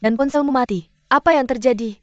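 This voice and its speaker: A woman's voice: high voice, fairly quick, no echo, natural voice. Woman dubbing a pushy worried young friend. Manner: pressing, repeats questions. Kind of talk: drama dub. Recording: dull dry studio dub, faint music.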